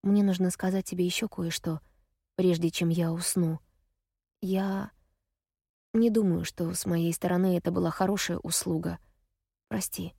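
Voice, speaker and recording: Within an audiobook, a guarded older sister speaks in a soft, unsteady, hushed voice, as the woman narrating puts her on. The sound is close and dry, with no room around it. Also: fairly low pitch, steady tone, moderate pace, creaky, pauses often, breathy edge, dry recording. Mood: hesitant.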